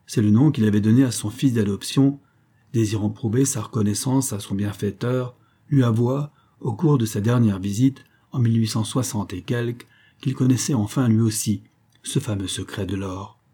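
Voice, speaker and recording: A man narrating a novel as an audiobook in a measured, even reading. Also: lowish voice, husky.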